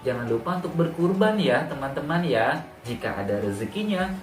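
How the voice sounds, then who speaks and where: A man telling a religious story to children in an expressive way, addressing his young listeners directly with emphatic repetition. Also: a little high, moderate pace. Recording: roomy echo, distant mic, background music. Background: music.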